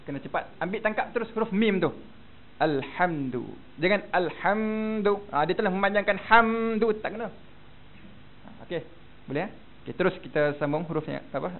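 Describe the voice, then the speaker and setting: A man's voice: high-pitched, fairly quick. Malaysian man teaching Quran recitation. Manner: demonstrates Arabic pronunciation, prompts students to repeat. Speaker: religious teacher. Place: prayer hall. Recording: tinny phone-like recording with faint noise.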